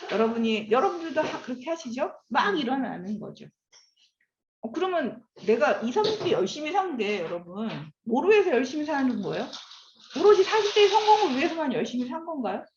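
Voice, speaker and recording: A woman's voice: high voice, fairly quick, noisy background. A woman in her fifties giving a lecture, often asking the audience questions. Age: 50s. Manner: animated, asks the audience questions. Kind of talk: classroom lecture. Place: lecture room. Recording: echoey room, slightly dull sound.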